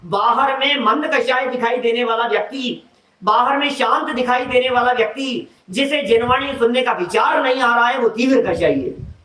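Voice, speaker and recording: A man's voice: extremely high pitch, moderate pace, sharp tone. A man preaching a sermon in a conversational way, asking the listeners questions and acting out everyday examples. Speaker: preacher giving a religious discourse. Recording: echoey hall, mic at a distance.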